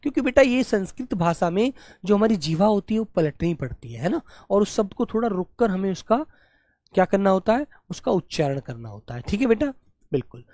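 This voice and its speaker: A man teaching an online Hindi class, listing word pairs in a steady drill and calling his students "beta". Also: high voice, fairly quick, dry recording, studio quality. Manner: affectionate, calls students "beta"; clears throat now and then. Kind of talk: online exam-prep class.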